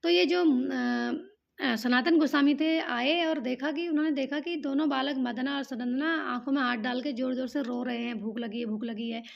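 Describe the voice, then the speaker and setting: High-voiced woman telling a temple legend. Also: fairly even intonation, moderate pace, creaky. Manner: plain spoken narration with fillers. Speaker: storyteller. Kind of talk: devotional storytelling. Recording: dull lo-fi recording.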